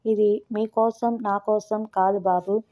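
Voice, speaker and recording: A remorseful, generous old landowner from a spoken novel, as a woman reads him. He talks gently and in a fatherly way. The voice is mellow and warm, at a middle pitch. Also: flat delivery, takes it slowly, lightly acted. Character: kindly older male landowner, remorseful and generous.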